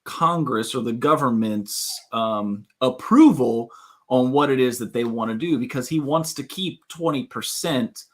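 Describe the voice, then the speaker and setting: A man's voice: mid-range voice, measured pace. A man hosting a casual talk show, chatty and laughing often, hedging with "right?". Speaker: podcast host. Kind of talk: casual chat.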